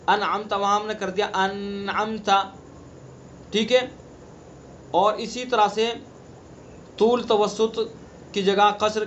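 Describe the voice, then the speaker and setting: Male recitation teacher, high voice, patient explainer who slows down to chant example words; dull lo-fi recording with faint hiss. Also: a bit bright. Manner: explains rules plainly, then recites example words slowly and drawn out. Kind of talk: online tajweed lesson. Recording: dull lo-fi sound with faint background noise.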